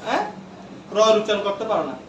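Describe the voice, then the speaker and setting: A man's voice: high-pitched, big pitch swings, quick pace, muffled recording, slight background noise. A male teacher lecturing a classroom, repeating terms and quizzing his students. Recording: echoey room from far off.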